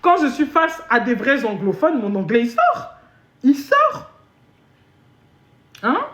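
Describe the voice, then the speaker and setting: A woman's voice: on the high side, sing-song, fairly bright tone. Boastful woman streaming in an echoey room. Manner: boastful, switches into deliberately broken English. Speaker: live streamer. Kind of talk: comedic live stream chat. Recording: dull echoey room audio.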